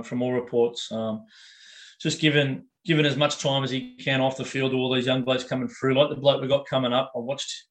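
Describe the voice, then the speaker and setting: A man's voice: mid-range voice, fairly bright tone. Blokey Australian man hosting casual sports chat. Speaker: podcast co-host interviewing.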